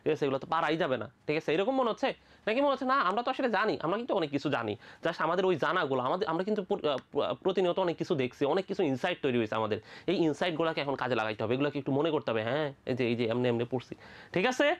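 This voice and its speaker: Lively fast-talking Bangladeshi biology tutor. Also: medium pitch. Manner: repeats questions and answers them, checks in constantly; colloquial, playful asides. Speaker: biology teacher. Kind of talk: medical admission lecture.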